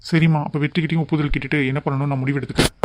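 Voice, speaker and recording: A man voicing a calm middle-aged father in a cartoon who reassures his wife. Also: a little high, very fast, lightly acted. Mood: reassuring. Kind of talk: cartoon voice acting.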